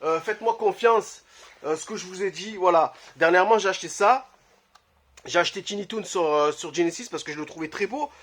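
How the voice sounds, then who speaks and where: A man, casually talking to camera about his collection, blunt and quick to swear, with lots of "euh" fillers. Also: high-pitched, a bit bright. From Marseille, France. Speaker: retro game collector vlogger. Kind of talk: casual vlog talk to camera. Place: his home, early morning.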